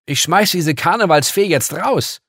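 A man's voice: on the high side, expressive, normal speed, dry recording, studio quality, voice pushed up, natural voice. A man voicing a snappy, indignant young woman. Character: brisk irritable young woman at a desk.

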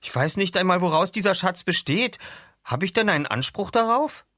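A man's voice: sits high, expressive, moderate pace, pushed and bright, dry recording, studio quality, voice pushed up. A man reading aloud and voicing an earnest, polite boy who sounds unsure of himself.

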